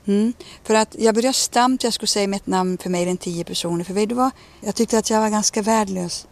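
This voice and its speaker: Woman telling lively stories. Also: medium pitch, gravelly. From Ostrobothnia, Finland. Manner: animated, acts out quoted dialogue. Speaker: interviewee. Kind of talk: personal storytelling in a radio conversation.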